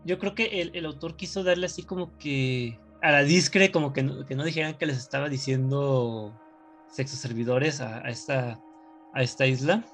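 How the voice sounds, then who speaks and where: A man's voice: medium pitch, normal speed, fairly bright tone, faint music behind. A man in casual chat, explaining a film in a joking, rambling way. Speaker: podcast co-host.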